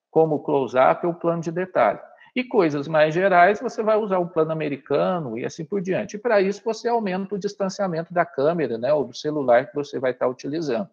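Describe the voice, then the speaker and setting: A man's voice: fairly high pitch, creaky, breathy edge, highs cut off. A man with a Brazilian Portuguese accent leads a live online workshop. He explains things step by step, speaks straight to his listeners and keeps checking in with them. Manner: explanatory, addresses the audience directly, frequent "tá?" checks. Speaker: online teaching trainer. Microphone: video call.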